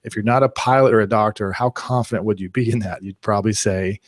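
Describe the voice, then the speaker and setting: A man leads a live online class, talking through his points in an energetic, conversational way. His voice sits on the low side and the recording is dry, with no room sound behind him. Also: fast talker, dry recording. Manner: energetic, conversational, uses analogies. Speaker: webinar presenter.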